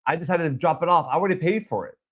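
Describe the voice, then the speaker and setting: A man's voice: fairly high pitch, racing. A man who grew up in Boston tells his travel story in a casual vlog. He sounds aggrieved, rambles and often restarts his sentences.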